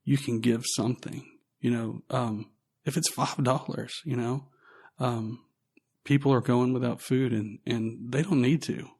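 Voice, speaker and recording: A man hosting a podcast interview, speaking earnestly and with emotion, in halting phrases. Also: mid-range voice, steady tone, vocal fry, a little mellow, breathy edge. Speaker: podcast host. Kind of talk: casual interview.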